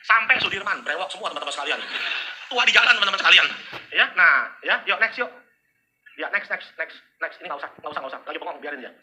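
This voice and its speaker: A man giving a motivational business seminar to a live audience, joking and teasing the crowd with quick asides. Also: high voice, lively intonation, sharp tone.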